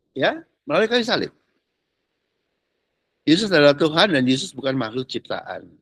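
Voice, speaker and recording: A man's voice: high voice, no echo. A man preaching a sermon as a pastor, talking in a casual, jokey way and dropping in English words. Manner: animated, jokey Jakarta slang mixed with English.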